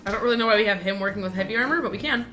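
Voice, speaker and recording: A woman's voice: mid-range voice, very fast. A woman streamer chatting casually and rambling as she plays a game, from a small home office that is a little echoey. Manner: chatty, rambling, thinks aloud. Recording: streamed voice over loud game music.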